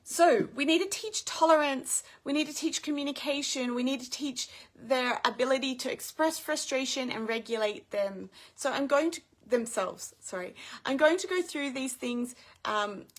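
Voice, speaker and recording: A woman's voice: sits high, normal speed. A woman parent coach teaching in a live video, upbeat and explaining step by step.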